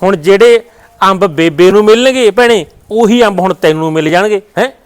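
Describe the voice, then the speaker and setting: High-voiced brother giving warnings. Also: male voice, moderate pace, clean tone, dry recording. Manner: cautioning, dismissive. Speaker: brother in a family skit. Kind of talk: village family drama acting.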